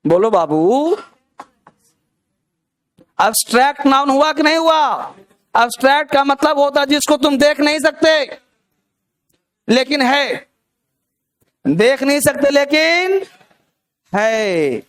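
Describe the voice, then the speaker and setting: High-voiced man quizzing a class. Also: a little slow, pauses often, a bit bright. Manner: keeps quizzing students with rhetorical questions. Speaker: English grammar teacher. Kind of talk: live classroom lecture. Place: classroom with students.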